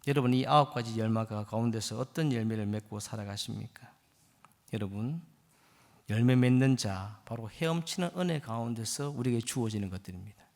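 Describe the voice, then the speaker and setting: A man's voice: mid-range voice, fairly quick, darkish tone. A man in his fifties, a guest pastor preaching a sermon with impassioned, rising exhortation in a church sanctuary. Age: 50s. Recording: long church hall reverb.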